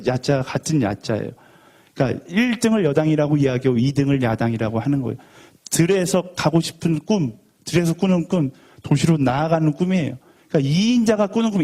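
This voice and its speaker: A young youth pastor preaches to a college group in a conversational style, sprinkling in rhetorical questions and joking asides. His voice is a little high and warm.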